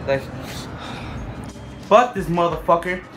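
A man's voice: fairly high pitch, expressive, slow, a bit bright, a little hiss or hum, low-quality recording. A young man chatting casually to viewers in a vlog, swearing often and repeating himself. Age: young adult. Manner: profane, repetitive. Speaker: challenge vlogger. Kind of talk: casual excited vlog chat. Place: small living room.

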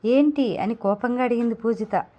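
A woman reads a serialized audio novel aloud in a steady, measured way. Her voice sits fairly high, and the recording has a dull, lo-fi sound. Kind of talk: scripted story narration.

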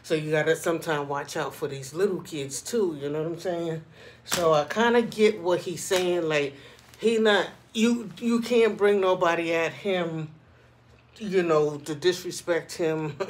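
A man with a somewhat high voice talks casually, as in a personal vlog. He shares his opinions conversationally and keeps checking that the listener follows him. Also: measured pace, slight background noise. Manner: conversational, frequently checking in with "you know what I'm saying". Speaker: vlogger.

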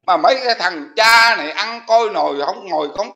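A man with a Southern Vietnamese accent in casual chat, exclaiming often and full of excitement. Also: high-pitched, a little fast, creaky. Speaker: vlogger.

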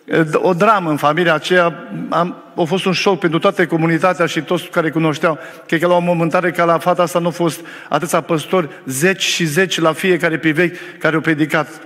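A male pastor with a fairly high, slightly bright voice preaches a sermon to his congregation, telling a story with fervent conviction. He's in a church hall during a service, and the recording carries the hall's long reverb.

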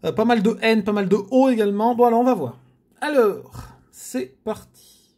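A man's voice: high-pitched, normal speed, a little mellow. A man hosting a scratch-card video, chatting casually to viewers as he scratches tickets and groaning at bad luck.

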